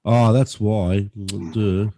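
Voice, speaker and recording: A muffled Australian man, his voice dull and dark as if it comes through a wall. He sounds a bit hoarse and under the weather, and talks easygoingly over a video call, calling everyone mate. The sound is very dry. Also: fairly even intonation, very slow, dry recording. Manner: easygoing, says "mate" often, fumbles with his audio settings. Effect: muffled and low, as if heard through a wall. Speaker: call-in guest on a hobby chat show. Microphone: desktop mic on a video call.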